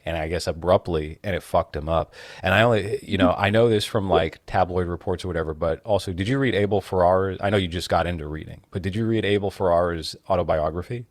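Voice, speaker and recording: Deep-voiced, measured man on a podcast. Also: no echo, studio quality. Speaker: podcast co-host. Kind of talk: casual podcast chat.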